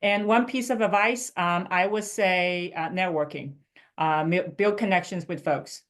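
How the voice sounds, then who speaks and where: A woman's voice: fairly low pitch, measured pace, fairly bright tone. Polite woman from mainland China. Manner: polite, hesitant, with many uhs. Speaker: panelist, doctoral student. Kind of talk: panel introduction and advice.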